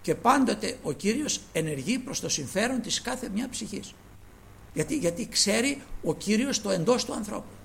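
A man preaching a sermon, addressing his listeners as brothers and moving between quiet asides and loud emphasis. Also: sits high, animated, creaky, a little hiss or hum, rough recording.

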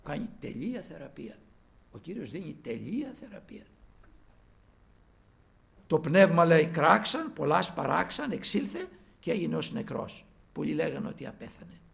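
A male preacher delivering a fervent sermon, calling his listeners brothers and swinging from loud exhortation to hushed asides. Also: fairly high pitch, sing-song, vocal fry, long pauses.

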